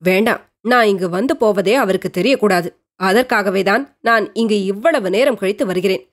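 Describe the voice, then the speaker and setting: A woman voicing a caring grown man who speaks in a hushed, reassuring way. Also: mid-range voice, moderate pace, natural voice. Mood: gentle.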